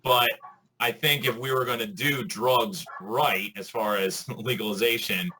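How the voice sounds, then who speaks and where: A man co-hosting a podcast in casual chat, articulate and measured as he builds an argument. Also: mid-range voice, fairly even intonation, sharp tone, a little hiss or hum, poor audio. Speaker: podcast co-host.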